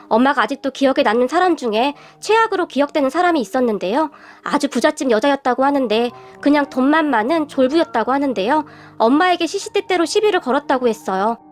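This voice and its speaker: A young woman tells a family story in the first person, with a high, clear voice. She sounds earnest, and her tone heats up readily. Soft music runs faintly behind her. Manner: earnest, quickly heated when retelling anger.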